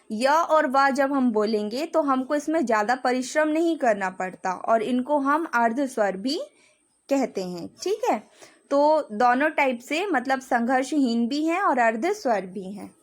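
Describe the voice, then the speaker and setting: A woman with a high voice gives a patient grammar lesson. She sounds out each letter herself and keeps checking in with "okay" as she goes. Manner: explains slowly, demonstrates sounds, repeats "ठीक है" often. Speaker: teacher.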